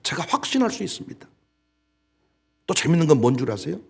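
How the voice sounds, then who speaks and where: A pastor preaches to his congregation, alternately scolding and urging them on, jumping from loud outbursts to quiet asides. His husky, creaky voice swings widely in pitch, and he speaks a little fast.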